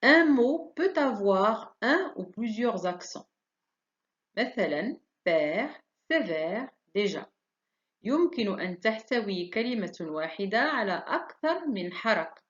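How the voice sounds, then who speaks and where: A woman teaching a French lesson, spelling out every example with slow, careful dictation. Her voice sits at an ordinary middle pitch. The recording is dull and a little lo-fi. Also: very animated. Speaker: language teacher.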